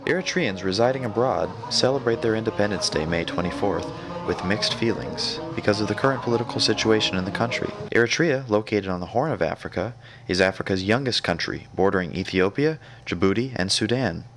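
A man reading documentary narration in a measured, even way. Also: lowish voice, poor audio. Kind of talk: scripted narration.

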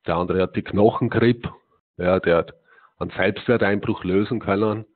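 A man's voice: fairly low pitch, fairly even intonation, normal speed. A man giving a live talk to a seated audience, emphatic, asking rhetorical questions and answering them himself, with frequent hesitations. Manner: sprinkles in "ja" and hesitant "äh". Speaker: lecturer. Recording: tinny, phone-like narrow sound.

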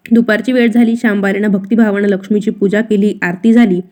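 A woman with a Marathi accent reading a devotional story in a steady, expressive way. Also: mid-range voice, a little fast.

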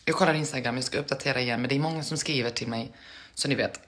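A woman's voice: a bass voice, fairly bright tone, slight background noise. A woman chatting casually to her live-stream viewers between prank calls, joking and laughing at herself. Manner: chatty, self-mocking, laughs often.

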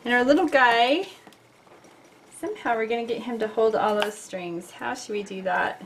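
A woman's voice: fairly high pitch, moderate pace, slight background noise. Chatty woman teaching a sketch. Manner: chatty and playful, talks to viewers while sketching. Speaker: art teacher. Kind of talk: casual drawing tutorial. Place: at a drawing desk indoors.

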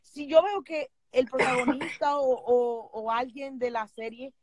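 A woman's voice: sits high, fairly even intonation, unhurried, slight background noise. A woman from the Dominican Republic with a Dominican Spanish accent, chatting casually and gushing, dropping English phrases into her talk. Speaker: book channel host. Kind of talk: casual chat.

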